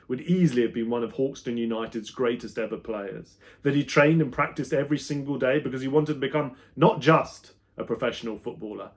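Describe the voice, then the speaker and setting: Reading aloud from a children's book he wrote himself, a man with a mid-range voice performs as an expressive storyteller, his dramatic emphasis shifting from loud to hushed.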